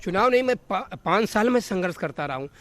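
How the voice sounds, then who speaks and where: High-voiced man making political points. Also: animated, quick pace, a bit bright. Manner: rhetorical, listing slogans. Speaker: politician, legislator. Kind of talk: speech-like interview answers.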